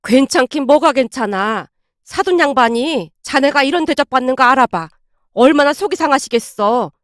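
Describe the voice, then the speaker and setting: A woman's voice: high-pitched, lively intonation, normal speed, a bit bright, no room sound, clean studio sound. A woman voicing an older mother-in-law who scolds her daughter sharply. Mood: scolding.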